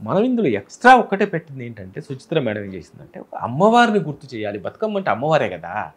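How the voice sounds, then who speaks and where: A man's voice: mid-range voice, huge pitch swings, quick pace, husky. A man with a Telangana Telugu accent, a film director, explaining his film in an interview with examples from village speech. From Telangana, India.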